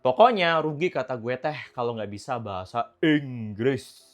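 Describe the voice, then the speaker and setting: A woman's voice: a bass voice, lively intonation, normal speed, faint music behind. A young woman giving casual, chatty, encouraging English-learning tips in a vlog. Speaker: English tutor vlogger.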